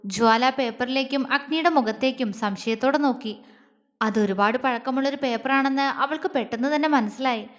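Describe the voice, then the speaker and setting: Woman storyteller, high voice, steady measured reading, reverberant sound. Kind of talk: scripted story narration. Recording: long reverb.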